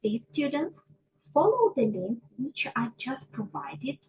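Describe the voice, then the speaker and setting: A woman teaching English pronunciation to a class, slow and deliberate, often checking in with her students. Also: sits high, sing-song, darkish tone, poor audio. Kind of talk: online micro lesson.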